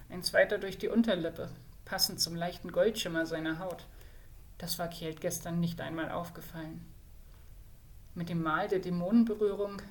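A woman reading a fantasy novel aloud, now and then adding short asides to her listeners. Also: on the low side.

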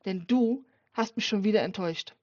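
A woman's voice: mid-range voice, normal speed, lightly acted. A woman reading an audiobook voices a furious, contemptuous wealthy father who hisses his words harshly. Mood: scornful. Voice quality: hissing, harsh. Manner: loud angry outbursts. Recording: dull dry lo-fi recording.

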